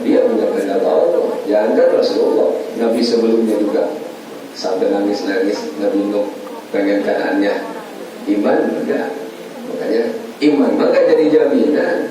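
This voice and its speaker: A man's voice: mid-range voice, background noise. A man teaching a class on Quran commentary in a colloquial way. He asks and answers his own questions and acts out the speech of the people he describes. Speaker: religious teacher. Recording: very echoey room, distant mic, faint ambience.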